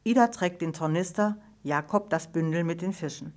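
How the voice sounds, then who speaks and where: A woman reads a children's storybook aloud in a calm, measured voice. Her delivery is even and scripted, pausing gently between sentences. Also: fairly low pitch. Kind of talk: scripted audiobook narration.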